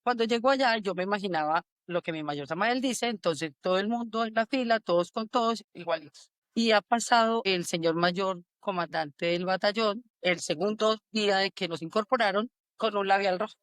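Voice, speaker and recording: A middle-aged woman with a Colombian accent from Quindío tells her army stories in a warm, animated way, acting out the voices of other people as she goes. Her pitch sits in a middle range. The recording is close and dry, with no room sound. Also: normal speed, no room sound. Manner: animated, acts out quotes, sings la la. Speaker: army sergeant major, guest. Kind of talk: casual storytelling interview.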